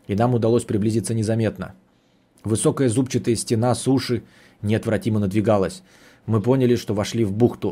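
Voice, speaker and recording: A man reading a novel aloud in the first person, with a measured, steady storytelling delivery. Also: lowish voice. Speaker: audiobook narrator.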